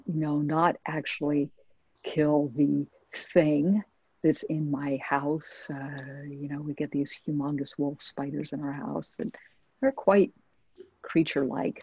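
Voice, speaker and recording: Breathy woman author on a video call. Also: sits low, dark tone, no echo. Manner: thoughtful, hesitant, many restarts. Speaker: author guest. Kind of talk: reflective webinar conversation. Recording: muffled video call audio.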